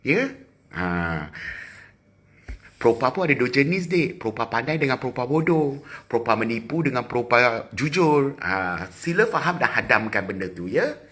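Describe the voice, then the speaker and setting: A middle-aged man with a Malaysian accent, chatting casually with viewers on a phone livestream, teasing and quick with asides. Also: mid-range voice, sing-song, fairly bright tone, husky. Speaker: livestream host. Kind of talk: casual live chat with viewers.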